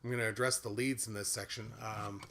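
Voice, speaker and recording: Teaching guitar and singing, a man with a big voice explains things casually at an easy pace, often saying "uh." His voice is on the low side with a level tone and a slightly fast pace, over loud guitar playing and slight background noise.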